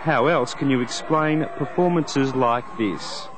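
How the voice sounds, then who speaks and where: A man's voice: mid-range voice, measured pace. An Australian man narrating a scripted TV news feature as its reporter, in a wry, tongue-in-cheek way.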